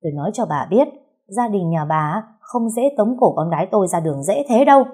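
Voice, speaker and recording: A woman voicing a shrill, outraged older mother-in-law who wails and shouts for the neighbors. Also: animated, fairly quick, slightly rough. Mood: furious.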